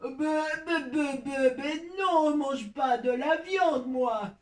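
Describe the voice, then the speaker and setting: Woman playing a childish boastful wolf cub, high voice, slow theatrical delivery, blustering and stammering, children's story. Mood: flustered protest. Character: boastful little boy wolf playing big and bad. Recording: echoey room, distant from mic.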